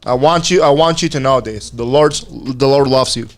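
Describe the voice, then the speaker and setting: A young man co-hosting a podcast, chatting casually, playful and blunt with quick asides. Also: mid-range voice, faint music behind. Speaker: podcast co-host. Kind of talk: casual chat.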